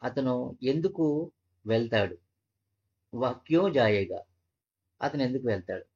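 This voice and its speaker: A man's voice: medium pitch, lively intonation, measured pace, darkish tone, husky. A man teaching a language lesson, patiently repeating each phrase and breaking it into parts. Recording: dull, muffled lo-fi audio.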